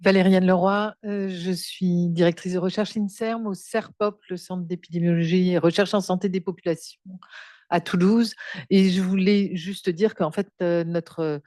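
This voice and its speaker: A woman's voice: on the low side, steady tone, moderate pace, dark tone, dry recording, clean studio sound. A woman research director making a spontaneous comment from the audience at a conference.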